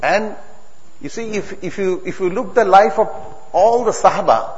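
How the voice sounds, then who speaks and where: The voice sits high as a Bangladeshi man delivers a religious sermon to a congregation in a reverberant hall. Earnest and emphatic yet halting, he repeats phrases in non-native English, and the audio is dull with a long hall reverb.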